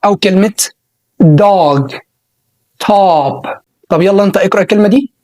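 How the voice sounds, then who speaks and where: A man with an Egyptian Arabic accent teaching English pronunciation in a video lesson. He says model words slowly and more than once, and praises the learner. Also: high-pitched, flat delivery, darkish tone. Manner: slow repeated model words, encouraging.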